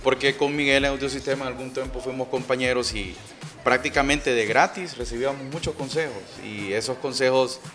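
A Honduran man in his thirties answers interview questions in a smooth, measured announcer's voice. He talks into a handheld mic on a TV set in a betting lounge. Music plays clearly behind him. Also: medium pitch, steady tone, fairly bright tone. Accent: Honduran Spanish. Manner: measured, polished announcer delivery. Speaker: radio announcer and guest.

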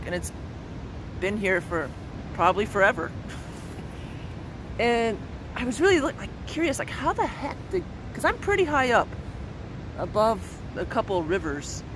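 A middle-aged woman vlogging casually to a phone held at arm's length on a mountain trail, chatty and wondering aloud. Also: mid-range voice. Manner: chatty and wondering, with fillers and laughs. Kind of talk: casual vlog to camera. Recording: outdoor phone audio with clear background noise.

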